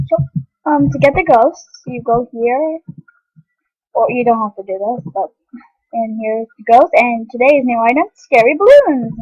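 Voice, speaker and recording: A woman's voice: a little high, slightly rough, no echo, highs cut off. A young woman giving rambling, casual commentary on an online game, full of ums and restarts. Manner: eating while talking. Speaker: game vlogger.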